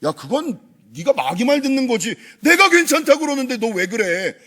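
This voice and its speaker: A man's voice: extremely high pitch, sing-song, normal speed, bright, forceful tone, voice pushed up, exaggerated voice. A man voicing God as a blunt, familiar figure who brushes off a believer's guilt. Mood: brusque. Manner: brusque and familiar, calls out "야". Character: blunt, reassuring God scolding a doubting believer.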